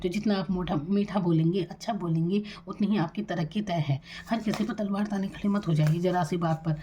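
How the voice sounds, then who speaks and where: A woman from India giving a tarot reading, speaking quietly and calmly and addressing the viewer directly with reassurance. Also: on the low side, slight background noise. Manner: soft-spoken, deliberately quiet. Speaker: tarot reader.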